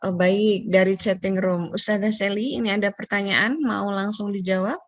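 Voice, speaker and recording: A woman moderates an online question round in a polite, easygoing way, reading questions aloud with many small hesitations. Her voice is mid-pitched and sounds dry and close, with little room around it. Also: steady tone, normal speed, no room sound. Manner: polite, reads out questions, filler-heavy.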